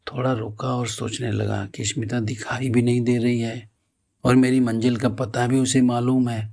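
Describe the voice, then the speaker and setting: A man narrating a horror story in a slow, measured storytelling manner. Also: mid-range voice, creaky, a little mellow, slightly rough.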